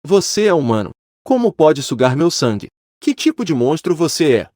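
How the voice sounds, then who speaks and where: A man's voice: fairly high pitch, sing-song, moderate pace, a little mellow, no room sound, studio quality. A man voicing a terrified male blood demon who pleads in panicked questions.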